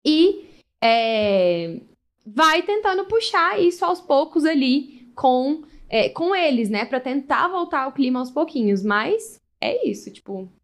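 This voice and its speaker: A young adult woman who works as a family photographer chats casually during a live session, telling lively stories and acting out what the people in them said. Her voice is high-pitched and slow.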